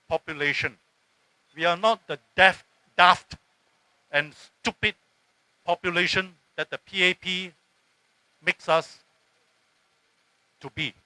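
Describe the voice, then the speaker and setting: Slow, emphatic Singaporean man rallying a crowd. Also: on the high side, bright, forceful tone, dry recording, low-quality recording. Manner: rousing, emphatic. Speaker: event emcee. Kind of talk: rally speech.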